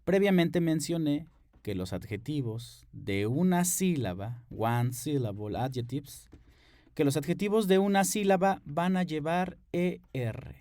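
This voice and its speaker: A man's voice: a little high, lively intonation, measured pace, dark tone, dry recording. Patient male teacher at a whiteboard. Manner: patient, explains step by step, checks in with "¿ok?". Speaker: English teacher. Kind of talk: whiteboard grammar lesson.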